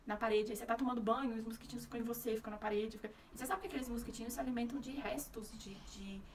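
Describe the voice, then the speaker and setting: A woman's voice: a little high, fairly even intonation, rapid-fire, recorded from a distance. A young woman from Brazil with a Brasília Portuguese accent, telling a personal story to camera in a candid, conversational way and acting out the dialogue. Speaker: vlogger.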